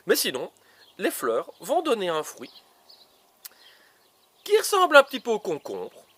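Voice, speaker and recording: Out in his garden, a man with a fairly high, fairly bright voice plants seedlings for a casual children's gardening show. He playfully teases the kids into guessing each vegetable and uses lots of fillers.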